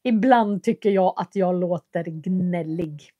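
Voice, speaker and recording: A woman's voice: lowish voice, no echo, narrow, tinny audio. A woman, chatting casually on a livestream as a language teacher and answering viewer comments with friendly hesitations. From Köping, Västmanland, Sweden.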